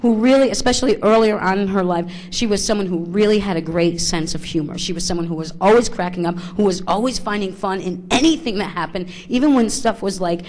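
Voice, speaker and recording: A woman doing psychic readings for a live audience in a small theater, holding a handheld mic. She talks in a halting, searching way, stopping and restarting as she works through what she senses. Her voice sits at a middling pitch for a woman. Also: a little mellow. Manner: halting, thinking aloud with many restarts. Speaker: psychic medium. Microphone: handheld microphone.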